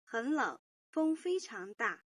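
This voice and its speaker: Language-course voice, a woman reading: slow, clear, dry, fairly high. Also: very animated, no room sound, heavily acted. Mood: plain. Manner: slow, careful, clearly articulated. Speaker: speaker in a textbook audio dialogue. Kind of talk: scripted language-course dialogue.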